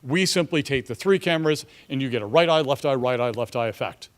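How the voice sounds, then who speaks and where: A man presenting a startup pitch to an audience as a company chief, speaking confidently and emphatically. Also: animated, fast talker.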